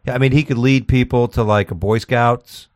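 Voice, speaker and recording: A man's voice: medium pitch, steady tone, normal speed, no echo. A man co-hosting a casual podcast, talking bluntly and profanely and laughing often. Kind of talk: casual crude banter.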